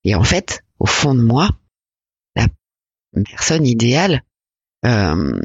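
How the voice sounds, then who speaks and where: A woman in her forties from France, a podcast guest talking reflectively and hesitantly about her life, with many pauses and fillers. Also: very deep voice, very animated, slightly rough, no room sound, lo-fi sound. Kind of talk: personal interview conversation.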